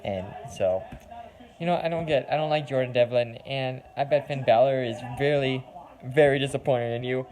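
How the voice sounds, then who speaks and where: A man with a Minnesota accent reacts live, chatty and excitable, dropping the odd swear word. His voice sits at an ordinary middle pitch. There is a clear hiss of noise under the recording. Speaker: wrestling reaction host.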